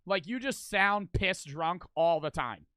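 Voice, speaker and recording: A man hosting a reaction video, commenting excitedly and swearing as he reacts to footage. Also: high-pitched, measured pace, smooth, no room sound, studio quality. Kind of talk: casual commentary.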